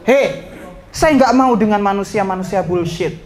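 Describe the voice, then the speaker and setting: Teasing ustadz preaching. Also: male voice, sits high, animated, moderate pace, crowd noise, background noise. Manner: swings between shouting and soft asides, teasing jokes. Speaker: ustadz teaching students. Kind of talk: lively religious talk to students.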